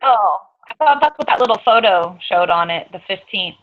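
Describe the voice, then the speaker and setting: A woman joins a casual team meeting over slightly dull, muffled audio. She asks her questions in a hesitant, quiet way. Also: mid-range voice, animated, moderate pace. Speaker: team member.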